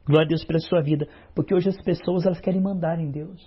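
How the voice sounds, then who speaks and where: Husky preacher man, muffled recording. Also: steady tone, fast. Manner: storytelling preacher, acts out dialogue. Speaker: pastor. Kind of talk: sermon. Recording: muffled low-fidelity recording.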